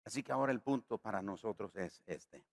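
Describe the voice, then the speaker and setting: A Nicaraguan pastor preaches a sermon, his pitch and volume rising on key words as he acts out the voices in his stories. He talks fairly quickly with a creaky voice.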